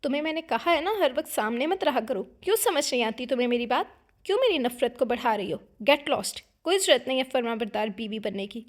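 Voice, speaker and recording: A woman's voice: high voice, expressive, fairly quick. A woman voicing a bitter, scornful young husband who scolds his wife in cold, cutting words.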